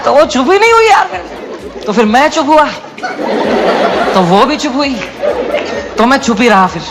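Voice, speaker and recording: A man doing stand-up storytelling, swinging between a mock-solemn low voice and loud excited outbursts. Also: normal speed, very noisy. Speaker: stand-up comedian. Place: comedy stage before a live audience. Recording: live club with loud music and crowd laughter. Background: audience laughter and music.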